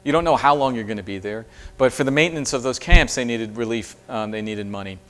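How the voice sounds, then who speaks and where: Lecturing man, halting and thoughtful. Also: medium pitch. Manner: thoughtful, many fillers and restarts. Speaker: professor giving a lecture. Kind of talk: university lecture with audience Q&A. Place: lecture hall.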